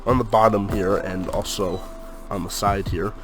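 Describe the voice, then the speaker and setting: A young man with a cold, his voice congested, chats casually while unboxing sneakers, rambling and filling his speech with um and like. His voice sits lowish, at a moderate pace with fairly even intonation.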